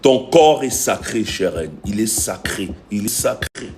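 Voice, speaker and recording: Speaking at a measured pace in a fairly low, slightly mellow voice, this Cameroonian-accented man sounds animated over a faint hiss or hum. He's a relationship coach on a livestream, greeting commenters and preaching with emphatic, repeated phrases.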